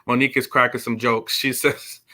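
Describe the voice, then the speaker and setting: A man's voice: mid-range voice, level tone, a little fast, pushed and bright. A man co-hosting a casual chat, joking and reading out viewer comments. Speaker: co-host.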